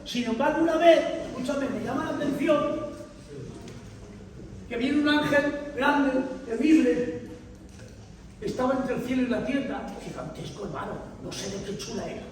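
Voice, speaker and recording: High-voiced man preaching in an echoey hall. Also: normal speed, pauses often, far from the mic, slight background noise. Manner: emphatic, dramatic retelling, calls on the congregation, bursts into shouts. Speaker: visiting preacher. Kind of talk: animated Bible teaching. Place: church hall.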